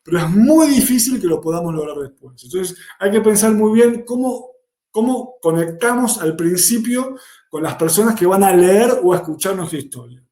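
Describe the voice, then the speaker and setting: A man's voice: sits high, expressive, moderate pace, warm tone, reverberant. A man giving an explanatory workshop lecture, repeating key questions to drive points home. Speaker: workshop instructor. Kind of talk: online lecture.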